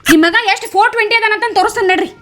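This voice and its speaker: A woman playing a sharp-tongued, sarcastic village wife and mother with a North Karnataka Kannada accent. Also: extremely high pitch, racing, heavy background noise. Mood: snappy. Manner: snappy, sarcastic. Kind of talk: comedy sketch acting. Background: loud background music.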